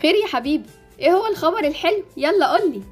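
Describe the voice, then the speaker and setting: A woman's voice: very high-pitched, expressive, very fast, soft background music. A woman with an Egyptian accent playing a loving, humble mother in an amateur game animation. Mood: loving, delighted. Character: loving, grateful, poor mother.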